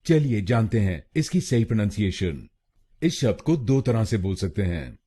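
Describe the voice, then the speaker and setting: Man from India, pronunciation tutorial, husky voice, lively up-and-down pitch, syllable-by-syllable repetition. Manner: breaks words into syllables and repeats them slowly. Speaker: pronunciation teacher. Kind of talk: scripted tutorial narration.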